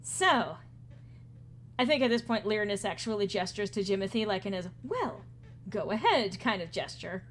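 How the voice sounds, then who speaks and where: A woman's voice: medium pitch, fairly quick, a little hiss or hum. Chatty woman game master. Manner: relaxed, chatty, laughs often. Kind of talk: narrating a tabletop game.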